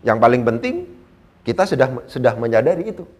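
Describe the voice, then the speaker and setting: Animated man teaching Arabic grammar. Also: medium pitch. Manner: animated, asks the audience rhetorical questions, recites Quran verses slowly. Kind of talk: classroom lecture on Arabic grammar.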